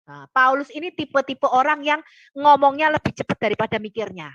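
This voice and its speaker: A woman's voice: sits high, lively intonation, fairly quick, fairly bright tone, no echo, dull audio. A woman preaching in a casual Bible teaching talk, blunt and joking, acting out the disciples' lines in shifting voices.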